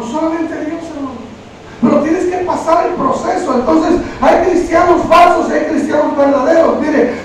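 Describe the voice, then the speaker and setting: A man preaching a sermon, calling listeners brother over and over as he retells Bible stories. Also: very high-pitched. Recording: very echoey room, from far off, faint noise.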